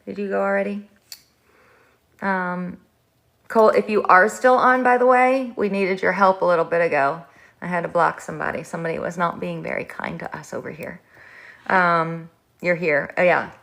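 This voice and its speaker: Middle-aged woman, livestream host, low gravelly voice, rambling casual chat. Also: moderate pace, a bit bright. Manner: chatty and rambling, with many fillers and restarts.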